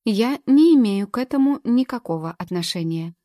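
A woman's voice: a little high, animated, normal speed, warm tone, no room sound, clean studio sound, voice pushed up, natural voice. A woman voicing a cold, defensive older sister under questioning, who speaks in clipped denials. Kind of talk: audiobook character reading.

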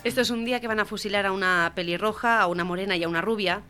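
A woman's voice: medium pitch, rapid-fire, faint music behind. A woman co-hosting a radio comedy show, telling jokes and acting out the punchlines. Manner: lively joke-teller who acts out the punchlines. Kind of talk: joke-telling radio banter. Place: radio studio.

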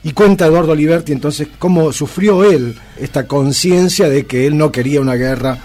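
A man's voice: fairly high pitch, moderate pace, a little mellow, soft background music. Argentine man hosting a radio show. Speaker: radio host. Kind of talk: casual radio commentary.

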